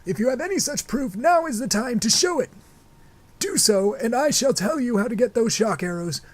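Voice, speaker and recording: A man's voice: very high voice, lively intonation, normal speed, pitched above the performer's own voice. A man voicing a proud, haughty male fish-man elder in a stiff, formal, indignant way. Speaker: fan voice-over of cutscene dialogue.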